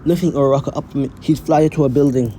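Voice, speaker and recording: A man's voice: mid-range voice, steady tone, dark tone, a little hiss or hum. Man rambling through an unscripted story. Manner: halting, restarts and repeats phrases. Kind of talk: casual fan-fiction narration.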